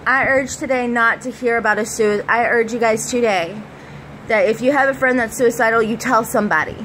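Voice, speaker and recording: A woman's voice: a little high, a little fast, fairly bright tone, poor audio. A young American woman talking casually as a vlogger, with a preppy-sounding voice and a blunt, sweary manner. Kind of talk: casual personal vlog talk. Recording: faint background noise.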